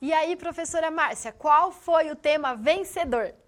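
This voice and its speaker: A woman's voice: sits high, normal speed, fairly bright tone. A woman studio teacher running a live online class, upbeat and speaking straight to the students. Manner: upbeat, addresses students directly.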